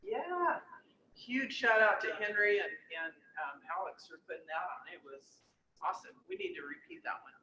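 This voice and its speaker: A woman at a team meeting, lively and upbeat, prompting others to join in, her voice echoing like it is in a cave. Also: medium pitch, normal speed. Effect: cave-like echo on the call. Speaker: office team member. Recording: echoey, distant, dull and noisy.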